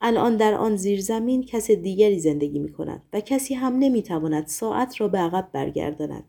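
A woman voicing a gentle, weary male writer who speaks hesitantly and resignedly. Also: sits high, expressive, vocal fry, exaggerated voice.

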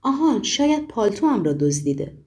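Lady reading as a stern old professor doc, curt and firm, mellow tone. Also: mid-range voice, sing-song, lightly acted. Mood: muttering. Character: stern dry-spoken older male professor doctor.

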